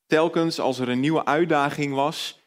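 A man preaching a sermon in a conversational way. He asks his listeners direct questions, rises and gets louder on emphatic points, and drops soft on reflective ones. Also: a little high, steady tone, measured pace.

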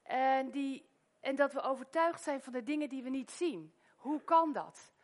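Lively Dutch woman preaching. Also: high-pitched, a little slow. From Netherlands. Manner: lively storytelling, loud exclamations, soft-spoken prayer. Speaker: guest preacher. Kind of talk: sermon. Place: church. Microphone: wearing a microphone.

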